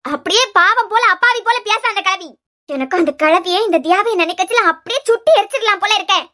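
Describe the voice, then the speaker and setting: A woman's voice: very high-pitched, fast talker, pushed and bright. A woman voicing a scheming, spiteful young woman who sneers as she gossips, in a Kanyakumari Tamil accent, in a cartoon serial. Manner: sneering, indignant.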